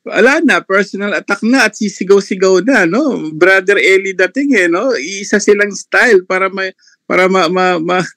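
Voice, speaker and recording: A man's voice: sits high, moderate pace, bright, forceful tone, no echo. A man commenting on a religious debate on an online live panel, mocking and laughing often between remarks.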